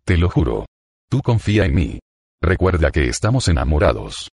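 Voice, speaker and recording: A man's voice: extremely low pitch, sing-song, moderate pace, darkish tone, slightly rough, no echo, clean studio sound, exaggerated voice. A man reading as a cocky young pick-up artist.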